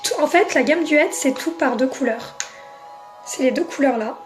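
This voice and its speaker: Casting: high-pitched woman, chatty live-stream makeup seller, faint music under her. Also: moderate pace. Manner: chatty, talks straight to viewers by name. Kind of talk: casual live selling chat, answering comments.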